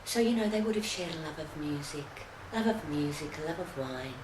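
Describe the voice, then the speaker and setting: Woman, low voice, hesitant commentary, echoey noisy room. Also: lively intonation. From Australia. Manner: halting, full of fillers and restarts. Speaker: video commentator. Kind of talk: casual commentary.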